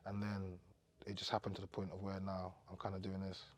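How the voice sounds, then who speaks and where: A young man from Cameroon, talking as a podcast guest in relaxed, rambling chat with plenty of fillers. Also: low-pitched, fairly quick. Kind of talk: casual interview chat.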